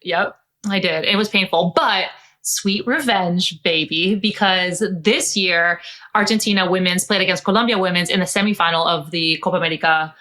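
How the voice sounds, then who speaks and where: A woman co-hosting a casual show, playful and quick to laugh, giving sports recaps. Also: on the low side, pushed and bright. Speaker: podcast co-host. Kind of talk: casual chat.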